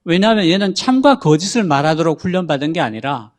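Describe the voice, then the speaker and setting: A man's voice: a little high, very animated, quick pace. A man explaining how a chatbot works on a talk show, in a patient, explanatory manner. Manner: patient, explanatory, reads out example prompts. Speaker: guest explaining AI.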